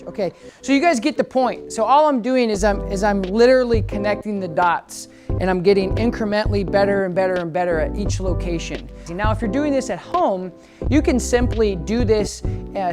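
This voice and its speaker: A man working as a dog trainer, casually explaining his method to viewers and breaking into high, upbeat praise and commands for the dog. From United States. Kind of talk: instructional training demo. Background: background music.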